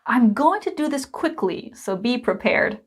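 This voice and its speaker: A woman teacher giving a recorded English grammar lesson, explaining each point slowly and with clear emphasis. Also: a little high, animated. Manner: slow, deliberate, emphatic explaining.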